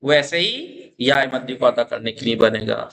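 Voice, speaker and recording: A man's voice: medium pitch, vocal fry, fairly bright tone. A man teaching a classroom lesson on Quran recitation. He explains patiently, demonstrates the vowel sounds aloud, and checks often that his students follow.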